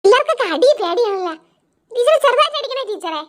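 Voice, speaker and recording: A woman's voice: very high voice, big pitch swings, fast, voice pushed up. A woman voicing a frightened, whiny schoolgirl who pleads with her teacher in a doll play. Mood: pleading. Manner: pleading, whimpering, panicky.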